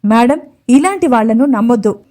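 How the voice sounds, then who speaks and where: A woman's voice: fairly high pitch, animated, a little fast, warm tone, lightly acted. A woman voicing a corrupt male police officer who barks orders brusquely. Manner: brusque, commanding. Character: male police sub-inspector, rough and corrupt.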